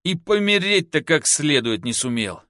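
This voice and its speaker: Brief: a man as a sullen, curt bandit, rough and threatening, slightly raised pitch. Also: very animated, normal speed, sharp tone, dry recording, studio quality. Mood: gruff. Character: gruff ruthless male outlaw, sullen and menacing.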